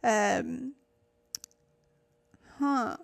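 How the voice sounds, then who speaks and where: Her voice is a little high and creaky, and she draws out her words while hosting a casual Korean lesson on a livestream. French is her first language, but she teaches in English, thinking aloud with fillers and correcting herself along the way.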